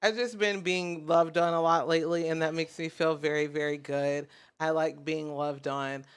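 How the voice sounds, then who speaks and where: A woman's voice: low voice, level tone, normal speed, clean tone. A woman, the show's producer, chatting casually on a podcast in a rambling way, stumbling over her words. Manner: rambling, self-admitted stuttering.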